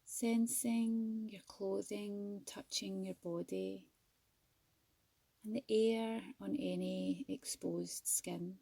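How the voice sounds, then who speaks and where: Speaking at a mid-range pitch with fairly even intonation, a woman who teaches yoga nidra leads a very unhurried guided meditation. Her tone is soft, husky and a bit creaky, gentle and calming, and she leaves measured gaps between phrases in a space without echo.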